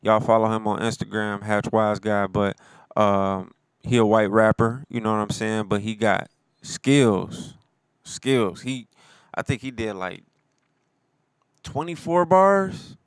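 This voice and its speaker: Laid-back rapper, smooth low voice. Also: male voice, steady tone, measured pace, no echo. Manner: laid-back, heavy on fillers and slang. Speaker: rapper and producer talking about his album. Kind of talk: casual solo talk.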